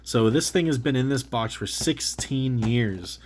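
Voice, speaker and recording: With a cold making him congested, a toy-reviewing channel host talks casually while opening an action figure. His mid-range voice is a little slow and a little mellow with a breathy edge, and his talk rambles, packed with fillers and restarts as he corrects himself.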